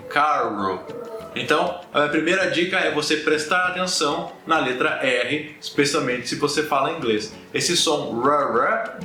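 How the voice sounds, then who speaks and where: A Brazilian man teaching pronunciation in a casual spoken lesson, explaining patiently, checking in with quick tag questions and slowing down to demonstrate sounds. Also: a little high, sharp tone. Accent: Brazilian Portuguese. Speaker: language teacher. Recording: echoey room with faint ambient noise.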